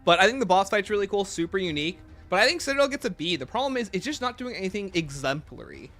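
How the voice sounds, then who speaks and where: Male livestream host, somewhat high bright voice, opinionated, talks back to chat, soft music behind. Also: expressive, quick pace. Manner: opinionated, reads and answers chat aloud. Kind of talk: casual livestream commentary.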